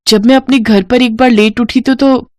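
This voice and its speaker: A woman's voice: on the high side, fairly even intonation, moderate pace, dry recording, clean studio sound, pitched above the performer's own voice, lightly acted. A woman voicing a timid young bride in a cartoon story, who talks in an anxious, pleading, stammering way. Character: timid young new bride, easily frightened.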